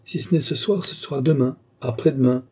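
A man's voice: medium pitch, brisk, dark tone, slightly rough, pitched above the performer's own voice, natural voice. A man voicing a mocking, commanding young court woman in an audiobook reading, with a teasing, condescending manner. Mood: stern.

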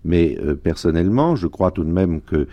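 Low mellow-voiced guy on radio, hesitant, lots of ums. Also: expressive. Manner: thoughtful, halting with many fillers. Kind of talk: radio interview.

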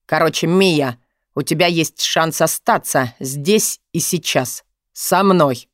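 A woman's voice: low voice, normal speed, no room sound, clean studio sound, pitched below the performer's own voice, natural voice. A woman reading an audiobook, voicing a domineering wealthy man who growls, mocks and presses hard. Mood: harsh.

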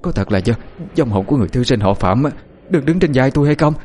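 A man's voice: animated, fast talker, a little mellow, slight background noise, natural voice. A man voicing a fat, lecherous middle-aged woman who stammers in panic. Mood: terrified stammering. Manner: stammering, shrill with terror.

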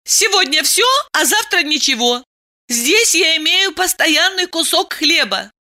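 A woman voicing a shrill, indignant woman. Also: lively intonation, measured pace, sharp tone, heavily acted. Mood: furious. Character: hysterical proud woman, shouting and indignant. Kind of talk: audiobook character voice.

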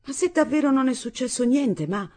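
A woman voicing an anxious young wife and new mother with a Neapolitan accent, worried and timid in a husky voice. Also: high voice, animated, normal speed, dark tone, pitched above the performer's own voice.

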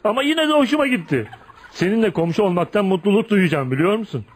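A man with a high, expressive, slightly rough voice talks at a quick pace. He is an actor in a Turkish radio play, cast as a feared, ugly tough guy who is kind at heart, and his blunt, probing, folksy lines keep ending in "ha?". The mood is earnest and friendly.

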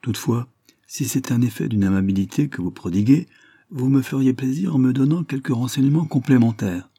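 A man's voice: medium pitch, brisk, warm tone, slightly rough, dry recording, clean studio sound, pitched above the performer's own voice. A man voicing a young engineer who speaks in an ironic, mocking way.

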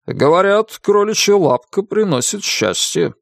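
A man voicing a good-natured, flustered male character in an audiobook, gentle and coaxing. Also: sits high, lively intonation, unhurried, vocal fry, dry recording, studio quality, pitched above the performer's own voice, heavily acted.

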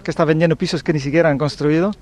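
Very fast and steady, this man's voice has a fairly high pitch and a darkish tone. A field reporter, he covers the news on location from a crowded town street outdoors, chatting with people and asking them short, direct questions.

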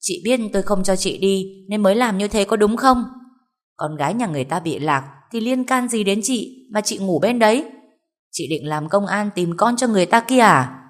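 A woman voicing a shrill, berating older stepmother in a storybook reading. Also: expressive, normal speed, lightly acted. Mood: scolding.

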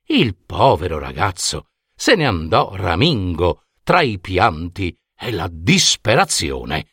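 A man with an Italian accent narrating a fairy tale in an expressive scripted reading. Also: mid-range voice, no echo, clean studio sound. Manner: expressive, unhurried. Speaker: storyteller.

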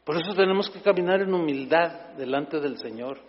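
A Mexican pastor preaches in a high-pitched voice, emphatic and playful, often turning to address his listeners directly. His voice sounds dull and echoes with a long tail around a church hall. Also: moderate pace. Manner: emphatic, humorous preaching that keeps addressing the congregation. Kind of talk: sermon.

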